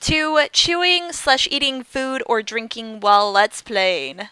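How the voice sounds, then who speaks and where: A woman's voice: a little high, animated, slow pace, bright, forceful tone, smooth, dry recording, rough recording. A woman hosting a casual podcast chat, wry and laughing as she talks. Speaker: podcast host.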